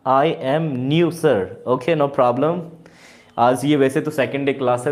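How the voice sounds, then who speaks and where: A man teaching English in Hindi during a live online class, who keeps calling viewers "dear" and repeats each point. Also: fairly high pitch. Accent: Indian. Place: classroom with a board.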